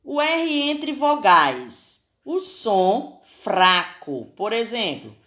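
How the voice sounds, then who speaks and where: A woman's voice: a little high, sing-song, drawn-out words, sharp tone. A woman teacher with a Brazilian Portuguese accent, giving a recorded spelling lesson to children and carefully sounding out letters and syllables.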